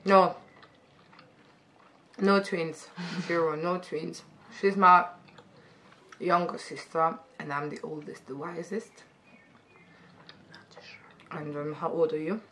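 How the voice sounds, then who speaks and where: Playful young woman, low-pitched, teasing. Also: fairly even intonation, takes it slowly, long pauses, a little hiss or hum. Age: 20s. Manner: playful, teasing, dips into quiet whispers. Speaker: YouTube host. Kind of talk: casual sister tag chat. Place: living room couch indoors.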